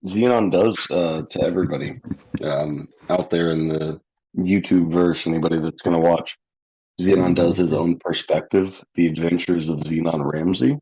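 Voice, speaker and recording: Very deep, husky man chatting. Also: steady tone, mellow, no echo, highs cut off. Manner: halting, stammers and repeats words. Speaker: player and fellow game master. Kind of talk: casual chat.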